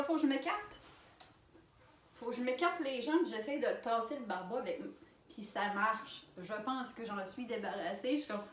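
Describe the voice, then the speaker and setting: Québécoise animée, voix aiguë, pièce résonante. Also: female voice, on the high side. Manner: animated, laughing storytelling with loud exclamations. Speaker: vlogger. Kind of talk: storytime vlog. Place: alone in a room. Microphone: camera mic. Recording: roomy sound from a distant mic.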